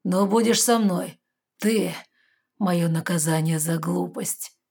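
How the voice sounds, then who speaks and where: A woman voicing a brooding, predatory male fairy lord who speaks in a firm, clipped, slow way. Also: on the low side, darkish tone, husky, exaggerated voice. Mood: cold commanding.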